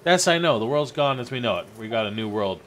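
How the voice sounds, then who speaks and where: A man's voice: medium pitch, lively intonation, quick pace, fairly bright tone, a little hiss or hum. A man streaming a game, joking around and talking to his in-game dog and his viewers. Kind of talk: casual gameplay commentary.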